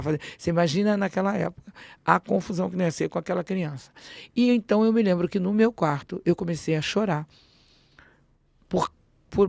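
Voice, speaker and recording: A woman guesting on a podcast interview tells a personal story with animation, acting out dialogue and often restarting sentences. Her voice sits on the low side with vocal fry, and there's no room sound.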